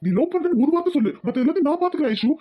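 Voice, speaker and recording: A woman's voice: sits high, lively intonation, racing, highs cut off. A woman voicing a lovesick young male student in a Tamil cartoon, begging earnestly.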